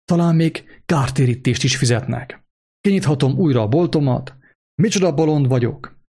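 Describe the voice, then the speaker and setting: A man's voice: mid-range voice, warm tone, close to an everyday voice. A man reading aloud and voicing a small, bald, poor shopkeeper who frets and talks to himself. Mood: fretful. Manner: anxious, rambling self-talk.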